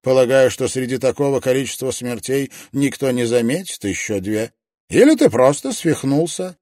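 A man voicing a calm, sarcastic male detective interrogating a suspect in an audiobook. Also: medium pitch, normal speed, no echo, clean studio sound, voice pushed up, close to an everyday voice. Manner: sarcastic, coolly reasoning. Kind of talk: audiobook character voice.

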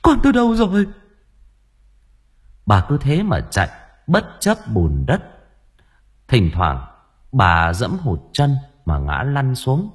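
Brief: male audiobook narrator, low and husky, animated storytelling. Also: takes it slowly. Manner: expressive, dramatic storytelling.

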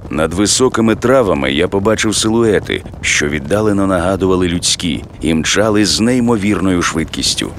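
Deep-voiced male audiobook narrator. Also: expressive, brisk, slight background noise.

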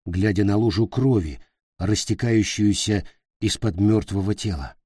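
A man reading fiction aloud as an audiobook narrator, slow and deliberate. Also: fairly low pitch, mellow, breathy edge, no echo, clean studio sound.

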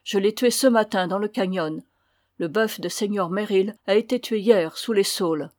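A woman reading a storybook voices a proud young man who speaks calmly and in a measured way. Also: medium pitch, close to an everyday voice.

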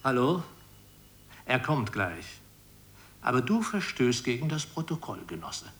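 A blunt, coarse justice minister. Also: male voice, medium pitch, big pitch swings, measured pace, fairly bright tone. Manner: blunt, coarse, matter-of-fact. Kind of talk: 1990s radio play satire.

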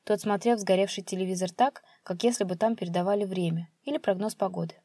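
A woman reading a grim short story aloud at an even, steady pace. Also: mid-range voice, quick pace, dry recording, clean studio sound. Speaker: narrator.

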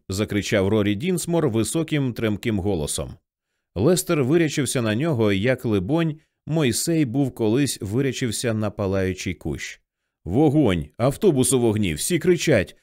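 A man reading a novel aloud as an audiobook narrator, shifting his voice for the characters' lines. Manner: lively, shifts pitch for quoted characters.

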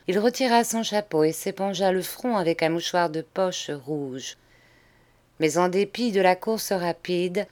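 A woman narrates a classic novel for an audiobook. Her voice sits on the low side for a woman, and her delivery is measured and deliberate. She reads with steady, careful pacing. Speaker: audiobook reader.

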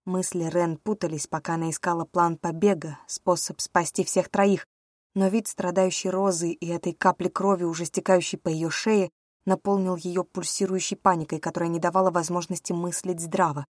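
A woman narrating a fantasy audiobook in a brisk, steady storytelling manner. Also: lowish voice, dry recording, studio quality.

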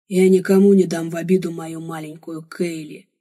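A woman voicing a giant, possessive male alien barbarian warrior in an audiobook, speaking in a low, hushed murmur. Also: little pitch movement, moderate pace, breathy edge.

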